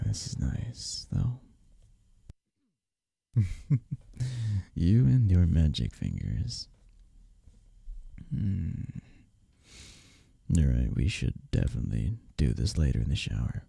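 An ASMR performer does an intimate boyfriend-style roleplay as a sleepy, cuddly, playfully affectionate husband in bed, using an exaggerated dark, low voice that's creaky and slightly rough. He's soft, drowsy, teasing, and unhurried, recorded close on a dry, studio-quality mic.

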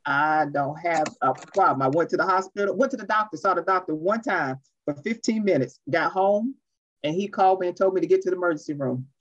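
Woman presenter, fast and animated, dull lo-fi video call audio. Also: fairly low pitch. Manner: fast, animated, says she talks too fast. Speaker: workshop presenter. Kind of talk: online workshop, casual talk.

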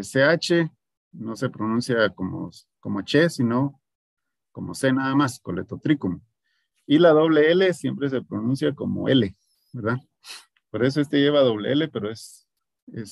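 A man's voice: mid-range voice, creaky, no room sound, studio quality. A man teaching an online agronomy class, explaining patiently and often checking in with his students. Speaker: agronomy instructor.

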